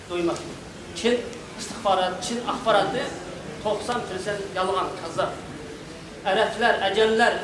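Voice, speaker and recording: A man with a high voice gives a speech in broken, foreign-accented Turkish. He halts to find words and phrases things unevenly. The sound is distant and noisy, with heavy room echo. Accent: Uyghur-region accent in broken Turkish. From East Turkistan. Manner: broken foreigner's Turkish, halting word search. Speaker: guest speaker, activist. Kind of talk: public speech. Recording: echoey hall, distant mic, clear noise.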